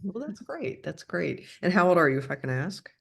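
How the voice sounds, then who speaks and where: Low, husky woman in her sixties. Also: sing-song, a little fast. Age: 60s. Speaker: podcast interviewer. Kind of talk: casual interview chat.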